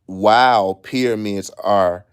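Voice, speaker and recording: A man's voice: on the low side, slow pace, clear, resonant tone. A man with a Chicago accent hosting a live stream, ranting in a boastful, profane, streetwise way while he reads things out. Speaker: livestream host. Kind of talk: casual live commentary.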